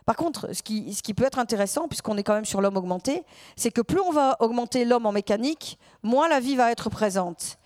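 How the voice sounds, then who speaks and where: A woman researcher speaking as a discussion guest, lively and acting out dialogue as she tells stories. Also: on the high side, a little fast, no echo, clean studio sound. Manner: lively storyteller who acts out dialogue. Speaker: university researcher.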